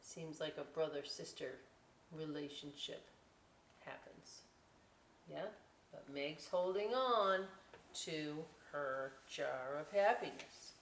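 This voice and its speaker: In a noisy, roomy recording from a distant microphone, a woman with a low-pitched voice takes her time reading a picture book aloud. She's a librarian leading children's story time, chatting casually about the pictures as she goes.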